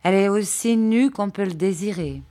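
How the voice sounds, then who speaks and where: A quiet, gentle old fisherman, as a woman reader voices him. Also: mid-range voice, normal speed, lightly acted. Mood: subdued. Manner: quiet, subdued. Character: old fisherman, gruff but gentle man.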